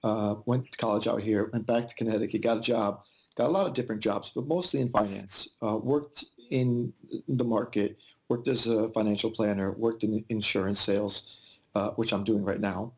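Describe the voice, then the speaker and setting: Man with a gravelly voice on a call. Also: on the low side, fairly even intonation, normal speed. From Yugoslavia, raised in the United States. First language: Albanian. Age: 40s. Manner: thoughtful, with frequent fillers and restarts. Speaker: interview guest. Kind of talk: casual interview conversation. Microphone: video call.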